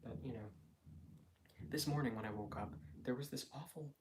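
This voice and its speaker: A man talking casually and quietly on a late-night livestream from home, in a hesitant, rambling, reflective way. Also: mid-range voice, normal speed, background noise. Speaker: live streamer. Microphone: phone.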